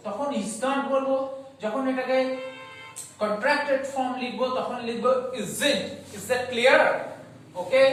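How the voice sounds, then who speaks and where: A woman with a Bengali accent teaching an English grammar lesson, switching between Bengali and English, slowing down to stretch each English example word and asking whether the class has understood. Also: sits high, a little hiss or hum. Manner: asks checking questions like "okay?" and "is that clear?". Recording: echoey room, voice far from the mic.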